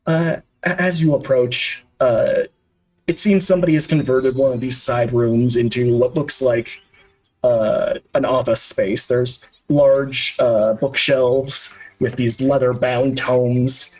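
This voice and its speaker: Guy running a tabletop game, a bit husky, lots of uhs while he describes stuff. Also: medium pitch, fairly even intonation, takes it slowly, a little mellow, low-quality recording. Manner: descriptive, with frequent uhs and restarts. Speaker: game master.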